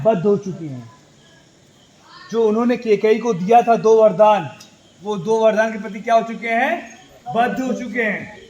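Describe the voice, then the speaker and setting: High-voiced man telling a story to children. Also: darkish tone, low-quality recording. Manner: asks rhetorical questions and answers them himself; sings the crowd's plea in a drawn-out chant. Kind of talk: storytelling to schoolchildren. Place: school hall at night.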